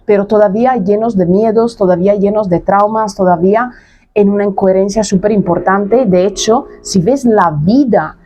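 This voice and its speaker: A woman's voice: medium pitch, normal speed, warm tone. A woman in her thirties, a coach talking straight to camera in a casual monologue, emphatic and blunt, repeating her points and dropping slang. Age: 30s.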